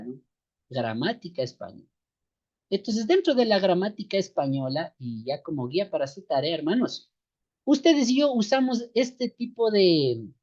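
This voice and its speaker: Man, seminary teacher, slow and repetitive, dull lo-fi audio. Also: on the high side, a little mellow. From Ecuadorian highlands. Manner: slow, repetitive, rhetorical questions tagged with "no". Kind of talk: online class lecture. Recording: dull lo-fi sound.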